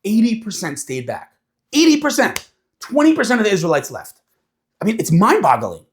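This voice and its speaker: Man, casual talk, animated and lively, slightly higher voice. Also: normal speed. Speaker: speaker.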